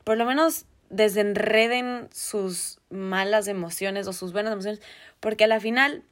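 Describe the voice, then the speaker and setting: Here a young woman co-hosts a podcast in relaxed chat, with her voice at a middle pitch. She turns to her listeners and gives them plain advice. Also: a little slow. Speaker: podcast co-host. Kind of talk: casual chat.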